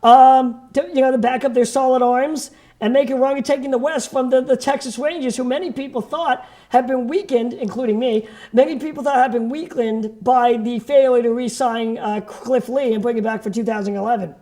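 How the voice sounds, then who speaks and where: A man's voice: very high-pitched, steady tone, brisk, few pauses, warm tone. A man co-hosting a sports show, recapping the baseball season fluently and with enthusiasm.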